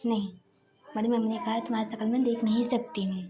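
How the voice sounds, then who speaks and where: A woman voicing a dutiful young woman who firmly turns down her fiancé, speaking softly and at times half-whispering. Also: a little high, steady tone, fast talker, close to an everyday voice. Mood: refusing.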